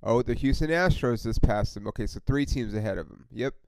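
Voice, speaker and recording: Smooth-voiced man ranting casually about sports. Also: mid-range voice, a little fast, darkish tone, no room sound, rough recording. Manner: rambling, profane, frustrated fan talk with many fillers. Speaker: podcast host. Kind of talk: casual solo sports podcast rant.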